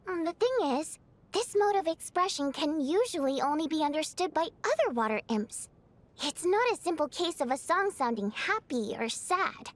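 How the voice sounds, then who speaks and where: A woman's voice: sits high, lively intonation, moderate pace. A woman voicing a polite, earnest young female water imp in a video game. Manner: polite, earnest, lightly teasing.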